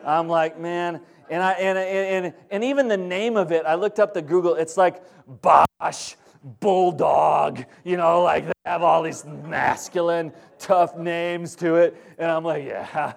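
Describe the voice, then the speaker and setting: A man preaching a sermon as pastor, telling a story with acted-out quotes in an animated way. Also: on the high side, unhurried, gravelly, hardly any pauses.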